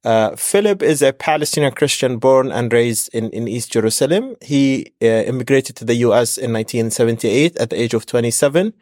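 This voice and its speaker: A man co-hosting a podcast, introducing guests in a measured way with frequent fillers. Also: mid-range voice, lively intonation, a little mellow, no echo, studio quality. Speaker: podcast co-host.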